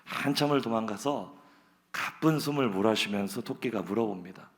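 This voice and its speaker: A man's voice: fairly low pitch, normal speed. A male pastor giving a sermon, opening with a joke story and speaking in an earnest, conversational way. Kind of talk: sermon with a humorous story opener. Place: church sanctuary.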